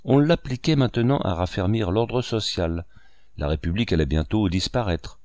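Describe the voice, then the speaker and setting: A man narrating a classic novel in a measured, expressive reading. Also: fairly low pitch, no echo. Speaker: audiobook narrator.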